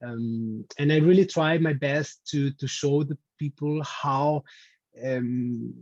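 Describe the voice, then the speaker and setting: A man's voice: medium pitch, slow pace, a little mellow, no echo. Hesitant man, dull audio. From Spain. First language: Spanish. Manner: hesitant, many restarts and fillers. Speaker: podcast guest. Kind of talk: casual interview talk.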